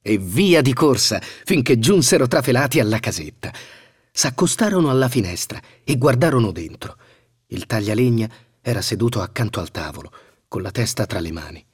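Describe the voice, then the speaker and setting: A man narrating a fairy tale in a scripted, expressive storytelling manner. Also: mid-range voice, moderate pace, husky.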